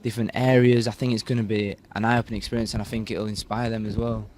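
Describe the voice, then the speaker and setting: A young man from Yorkshire, England, a university student who took part in the torch relay, chats and laughs easily in a casual interview, using lots of fillers. His voice sits on the low side with a level tone, he talks fast, and there's background noise.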